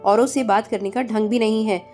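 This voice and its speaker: A woman's voice: on the high side, steady tone, a little fast, darkish tone, lightly acted. A woman voicing a harsh, domineering middle-aged mother-in-law who taunts and scolds. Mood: scolding. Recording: faint music behind.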